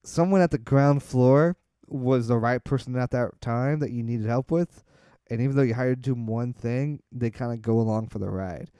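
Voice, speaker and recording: A man's voice: mid-range voice, normal speed, dark tone, clear, resonant tone, dry recording. A man co-hosting a podcast, chatting loosely and jokily about a movie trailer. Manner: loose, rambling, jokey. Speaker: podcast co-host. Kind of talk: casual trailer reaction chat.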